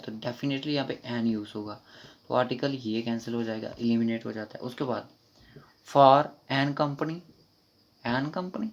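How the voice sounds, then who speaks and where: Kashmiri man teaching grammar, dull sound. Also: medium pitch. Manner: quick, informal explaining, reads English sentences slowly. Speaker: exam prep teacher. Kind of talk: online English grammar lesson. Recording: dull lo-fi recording.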